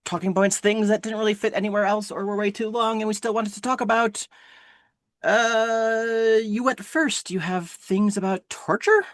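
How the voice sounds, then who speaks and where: A woman's voice: mid-range voice, steady tone, moderate pace, no echo, studio quality. A woman co-hosting a book podcast in casual chat, wry and blunt, swearing casually. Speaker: podcast co-host.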